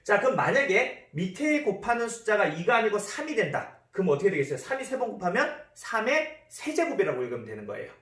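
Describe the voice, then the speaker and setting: A man's voice: sits high, sing-song, fast, few pauses, fairly bright tone. A man teaching a math lesson in a classroom, repeating key terms and asking the class questions. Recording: roomy echo, voice from a distance.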